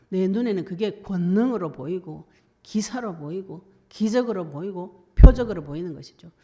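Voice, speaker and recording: A woman's voice: medium pitch, mellow. A woman preacher, giving a colloquial sermon and acting out the voices she quotes.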